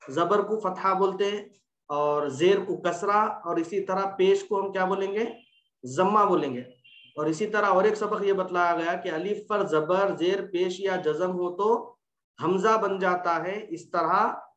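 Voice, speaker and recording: A man runs an online Quran recitation class, patiently repeating letter drills and quizzing his students. He speaks at a measured pace in a high, fairly bright voice, and the recording is dull and lo-fi with an echoey room sound.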